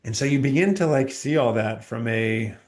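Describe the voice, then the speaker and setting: A man's voice: medium pitch, moderate pace, darkish tone. A man, a chiropractor, talking earnestly as a podcast guest, telling patient stories and acting out the dialogue. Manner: earnest, storytelling, acts out quoted dialogue. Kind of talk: reflective interview talk.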